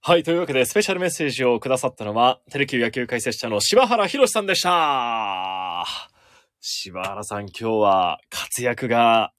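A male announcer hosting a casual radio talk show, chatty and expressive. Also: mid-range voice, moderate pace, dry recording.

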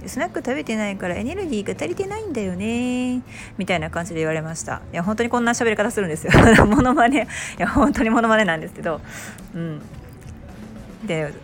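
A woman, a mother hosting a casual spoken monologue, telling a lively story with laughs and acted-out quotes. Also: medium pitch. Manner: chatty, animated storytelling with quoted voices and laughs. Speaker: podcast host, mother.

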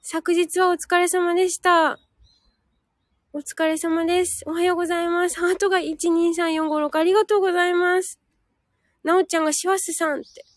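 A woman's voice: very high voice, flat delivery, a little fast, no room sound, clean studio sound. A woman hosting a live audio stream in a casual, chatty way, reading listener comments aloud and catching her own slips.

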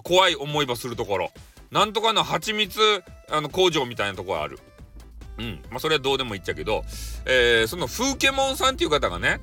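A man with a Hakata dialect accent chatting casually on his own stream, teasing and jumping in pitch. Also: bright, forceful tone. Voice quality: teasing, jumpy pitch, drawn-out dialect vowels. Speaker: audio streamer. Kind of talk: casual chat monologue.

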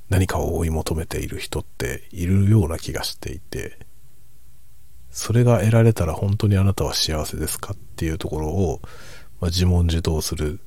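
A middle-aged man chatting casually in a hushed, soft voice, musing reflectively as if for late-night listening. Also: no echo. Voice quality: husky, breathy low voice. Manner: reflective, musing, unhurried soft-spoken delivery. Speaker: host of a late-night chat for falling asleep.

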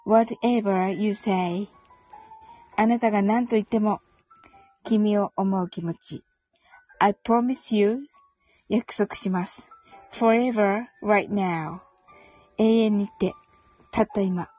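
A woman hosting a casual audio broadcast, politely explaining English song lyrics and reading each English line slowly and carefully. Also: mid-range voice, dark tone, soft background music.

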